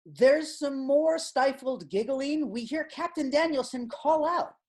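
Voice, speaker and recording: A woman narrating a comic audio play in a deadpan, measured way. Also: sits high. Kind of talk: scripted narration.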